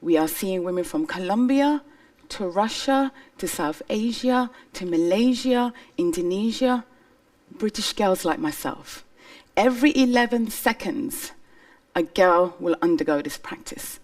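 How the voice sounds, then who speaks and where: A woman's voice: medium pitch, expressive, measured pace, darkish tone, far from the mic. A woman from Somalia giving an earnest, emphatic personal testimony on stage before an audience. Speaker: speaker on stage.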